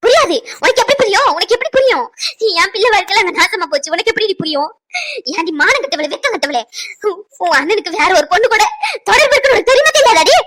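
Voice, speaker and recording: A woman voicing a distraught middle-aged mother who swings from wailing to shouting threats, in a Tamil cartoon dub. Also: extremely high pitch, fast talker, dry recording. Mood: furious. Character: distraught middle-aged mother, fierce to her daughter-in-law.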